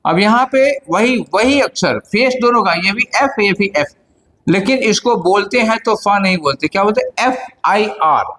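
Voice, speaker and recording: A man's voice: high-pitched, animated, moderate pace, fairly bright tone, slight background noise. A man from India teaching an English grammar lesson, asking and answering his own questions and repeating key words. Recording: long hall reverb.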